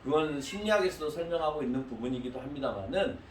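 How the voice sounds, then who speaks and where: Male pastor, slightly high voice, preaching to a congregation, roomy hall sound with faint noise. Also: fast talker. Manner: animated, addresses the congregation directly with questions. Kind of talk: sermon. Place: church hall. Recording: echoey hall, mic at a distance.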